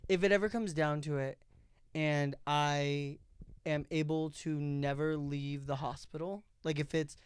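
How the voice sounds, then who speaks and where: A man in his late twenties chats easily in a fairly high, clear voice. He is laid back and says "like" a lot. The recording is dry and close. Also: a little slow, dry recording. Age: 20s. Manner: relaxed, easygoing, says "like" often. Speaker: podcast co-host. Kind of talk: casual chat.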